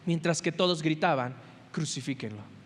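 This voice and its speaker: A man with a Mexican Spanish accent preaching a sermon as pastor, swinging between loud exhortation and soft, intense passages. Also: high-pitched, normal speed. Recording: church hall with long reverb.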